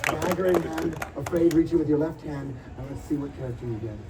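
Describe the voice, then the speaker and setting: A man with a high voice runs a tabletop adventure as a live stage show. He tells the story in a dramatic, suspenseful way, like an announcer playing to a fair crowd. The mic is distant, with loud noise and a big crowd all around. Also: fast. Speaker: game master and live show host. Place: outdoor stage at a Renaissance fair.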